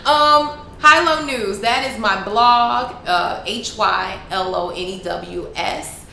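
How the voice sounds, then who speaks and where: A woman from Miami with a Miami accent, talking fast and informally as a journalist being interviewed. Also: mid-range voice, gravelly. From Miami, United States. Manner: fast, animated, informal speech. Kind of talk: casual interview chat. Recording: roomy echo with faint background noise.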